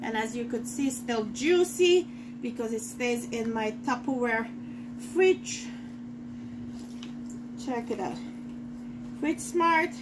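A woman's voice: a little high, animated, takes it slowly, long pauses, background noise. A middle-aged woman giving a casual cooking demonstration in her home kitchen, chatting to viewers as she works. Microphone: fixed camera in front of the counter.

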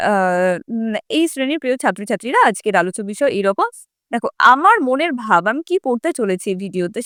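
A woman teacher with a high, very animated voice walks students through a set essay. She reads quoted passages aloud and then explains them plainly, with plenty of fillers. The recording is dry and close, with no room sound. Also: no echo.

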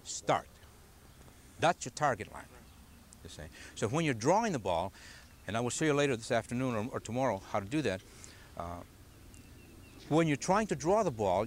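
A man's voice: mid-range voice, slight background noise. An older man teaching a golf clinic outdoors, patiently asking the group questions as he explains. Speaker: golf instructor. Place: outdoors on a grassy driving range. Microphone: camcorder from a distance.

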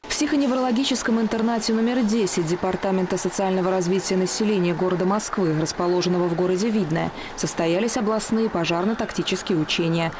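A woman's voice: medium pitch, fast talker, hardly any pauses, noisy background. A woman reading a scripted TV news report.

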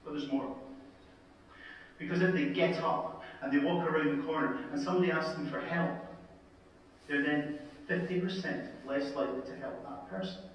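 Scottish man, emergency doctor, storytelling talk, wry dramatic pauses, slightly high voice, long hall reverb. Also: fairly even intonation, distant mic. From Scotland. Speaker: emergency department consultant. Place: conference hall, played from a video. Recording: video played into an echoey hall, heard from afar.

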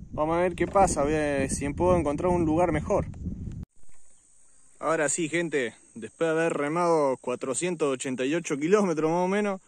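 Out on a riverbank, a man with an Argentine accent informally narrates his fishing vlog to viewers. His voice is a little high, and background noise can be heard.

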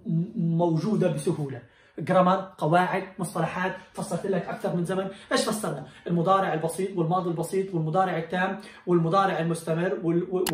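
A man teaching an English lesson in a classroom, quizzing his students in a lively way. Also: high-pitched, a little hiss or hum. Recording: roomy, distant mic.

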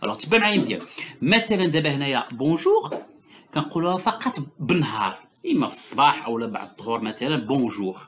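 A woman with a Moroccan accent teaches French to a child in a low voice that moves up and down a lot. She asks questions and repeats the sounds patiently. The talk comes quickly between the slow examples, with faint background noise. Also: expressive. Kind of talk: bilingual language lesson with a child.

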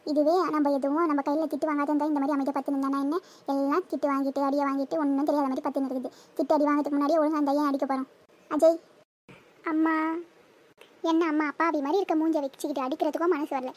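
A village mother from a cartoon scolds her children in a high, quick voice that stays on one even line, as a voice actor puts her on. She lectures on and on without pause. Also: close to an everyday voice. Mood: scolding. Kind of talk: cartoon voice acting.

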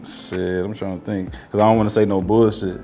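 An American man in his thirties, a music artist appearing as a guest, chats casually in a slangy, hesitant, sometimes profane way. His voice is lowish and dark, fairly quick, with little pitch movement. He's indoors in a home-style kitchen, with music in the background.

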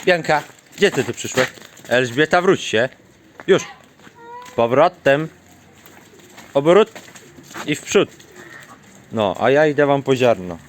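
A man's voice: mid-range voice, animated, a little slow, long pauses, a little hiss or hum. A man filming his farmyard outdoors while feeding the animals, chatting casually and scolding and coaxing them. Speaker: farm vlogger.

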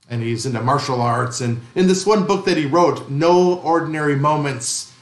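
A man's mid-range voice fills a roomy-sounding church sanctuary as he gives a relaxed, conversational sermon. He questions the congregation and keeps things lightly funny.

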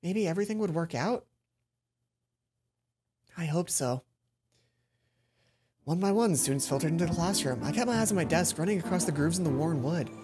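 A young man hosts a let's play, reading a visual novel aloud expressively and adding commentary asides over game music. His voice is on the high side, a little mellow and slightly rough, with lively intonation, normal speed, and long pauses.

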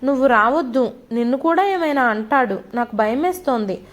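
A woman's voice: sits high, expressive, normal speed. A woman voicing a tearful, frightened teenage schoolgirl who pleads with her mother between sobs. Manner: pleading, sobbing complaints.

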